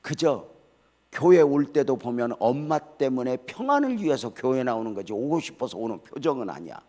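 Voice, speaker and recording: A man's voice: medium pitch, moderate pace. An older man preaching a sermon as a pastor, questioning his congregation and calling for responses, with casual storytelling asides. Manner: animated, quizzes the congregation and calls for responses. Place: church sanctuary.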